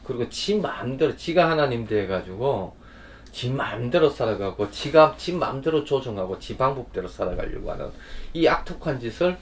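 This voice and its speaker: A man pastor preaching a sermon in a conversational way, prompting listeners often and swinging between loud bursts and quiet asides. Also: mid-range voice, animated, moderate pace.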